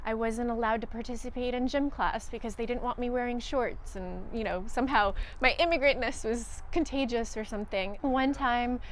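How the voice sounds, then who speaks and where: A woman from Romania speaking as an interview guest, telling her story in an earnest, reflective way. Her voice sits a little high, and she pauses often with "um". There is a faint hiss behind her. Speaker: guest, researcher and college teacher.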